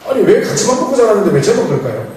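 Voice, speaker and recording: A fast-talking man preaches a storytelling sermon. His voice is bright, and it swings up and down as he acts out the voices in his story. He is heard from across a church hall, with heavy echo and faint room noise. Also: high-pitched. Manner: animated, playful, acts out dialogue with laughs. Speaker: pastor. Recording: echoey hall, mic from far off.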